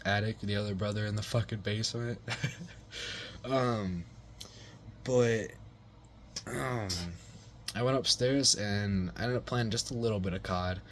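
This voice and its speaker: Young guy kinda low voice, just rambling a story, swearing a ton and saying like every other word. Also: fairly even intonation, normal speed, slight background noise. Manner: rambling and profane, heavy slang and fillers. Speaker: vlogger telling a personal story. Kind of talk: casual storytelling.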